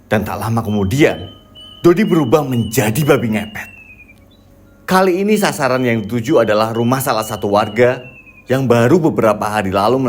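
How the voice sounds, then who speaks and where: A man narrating a scripted horror folk tale in a steady, measured manner. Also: medium pitch, husky.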